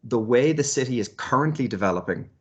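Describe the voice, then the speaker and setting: A man's voice: medium pitch, expressive, fast talker. A man giving thoughtful, hesitant interview answers, often repeating words as he works out his ideas. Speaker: university lecturer and researcher, interviewee.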